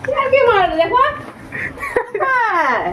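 A woman's voice: very high-pitched, very animated, unhurried, very noisy. A middle-aged woman talking casually and teasingly at home in her kitchen. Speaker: vlogger's mother. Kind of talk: casual family talk.

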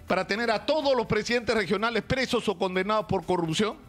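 An older Peruvian man, speaking Peruvian Spanish, delivers emphatic live opinion commentary from a small radio studio, close to a stand mic, gesturing and firing off rhetorical questions. His voice sits high and sounds brisk and a bit bright, with soft music in the background.

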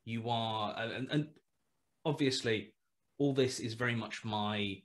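Speaking slowly in a mid-range, somewhat bright voice, a man in his thirties works through his thoughts on a video call via headset, full of fillers, hesitations, and restarts. He's a guest writer in a casual interview, calling from a small room at home.

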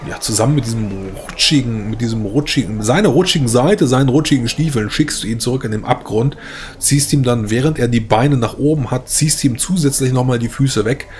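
A man's voice: medium pitch, a little mellow, a little hiss or hum. A man narrating as game master of a tabletop game, hesitant with many fillers.

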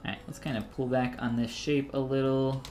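A man's voice: medium pitch, flat delivery, fairly quick, darkish tone, faint music behind. A man in his thirties, talking casually and joking while he teaches 3D sculpting on a live stream, reading chat messages aloud between steps.

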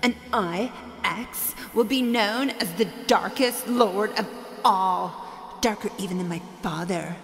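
A woman playing a grandiose female dark lord in a children's audio drama, delivering a theatrical, booming villain monologue. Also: slow pace, in a large hall. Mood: gloating, menacing.

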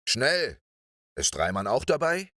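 A man voicing a strict schoolteacher who calls loudly to his pupils in an audiobook story. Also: medium pitch, wildly swooping pitch, takes it slowly, no room sound, clean studio sound, pitched above the performer's own voice, exaggerated voice. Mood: urgent. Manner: loud calling. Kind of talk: audiobook reading.

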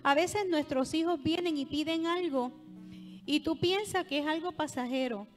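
A woman preaching a sermon with a Puerto Rican accent, fervent, moving between loud calls and soft asides. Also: high-pitched, moderate pace. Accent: Puerto Rican Spanish. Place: large hall at a church convention. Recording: long hall reverb with faint music.

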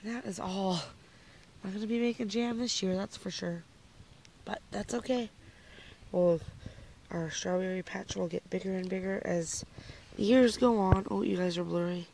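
A woman's voice: mid-range voice, fairly even intonation, normal speed, creaky, pauses often, a little mellow, a little hiss or hum. A woman chatting casually to her camera as she shows off her garden and her lunch. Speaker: family vlogger. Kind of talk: casual vlog narration. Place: home and backyard garden, outdoors at times.

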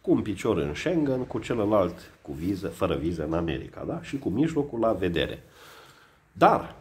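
A man giving satirical news commentary in a sarcastic, mocking way. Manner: sarcastic, mocking, lively swings in pitch. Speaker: satirical vlogger.

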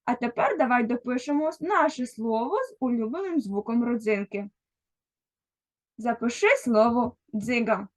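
A woman's voice: fairly high pitch, normal speed. A woman teaching a first-grade literacy lesson, speaking patiently and directly to a young child. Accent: Ukrainian. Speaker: primary school teacher.

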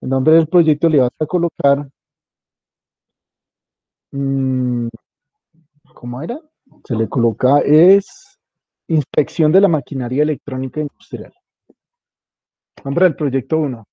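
A male instructor guides a student through setting up a web page, coaching step by step in a casual, informal way and spelling out small details. His medium-pitched voice is slow, with long pauses. The audio is dull and has no room sound.

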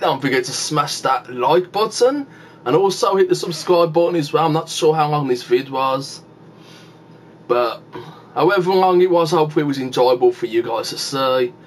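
A man of medium pitch rambles to his viewers in a casual vlog, eating sour candy as he films with a handheld camera and often calling his audience "guys." There's a bit of hiss or hum.

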